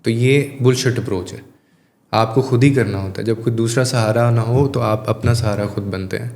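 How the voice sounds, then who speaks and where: A man's voice: medium pitch, steady tone, a little mellow. A man talks as a life coach, laying out his points with emphasis and slipping English phrases in. His voice sits in the middle range. The room rings with a long, roomy echo. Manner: emphatic, explanatory, mixes English phrases into Urdu. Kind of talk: conversational advice in a podcast interview. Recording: echoey room with long reverb.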